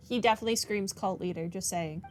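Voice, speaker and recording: Soft music plays behind this woman's fast, mid-range, slightly mellow voice. As the host of a game playthrough, she reads in-game dialogue aloud and keeps up a casual running commentary laced with dry sarcasm.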